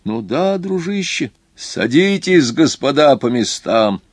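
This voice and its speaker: A man acting out a blunt, grumbling coach conductor in a storybook tale, barking at passengers to hurry. His low voice is loud and brusque. The recording is close and dry. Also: measured pace, no echo. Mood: gruff. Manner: gruff, impatient.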